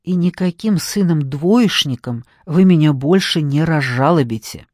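A woman's voice: deep voice, animated, a little slow, a little mellow, no echo, clean studio sound. A woman voicing a stern, exasperated middle-aged woman. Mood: indignant. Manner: indignant, curt and commanding.

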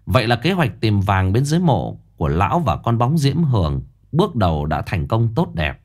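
A man narrating a ghost story in an expressive, lively way. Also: fairly low pitch, normal speed.

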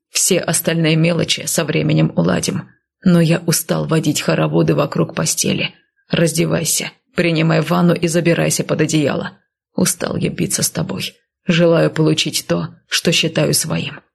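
A low, husky male figure in whispered role-play, possessive and commanding yet tired, as a woman puts him on. The whisper is gravelly and raspy. He speaks in a flat, even line. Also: exaggerated voice. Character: possessive man, weary and commanding.

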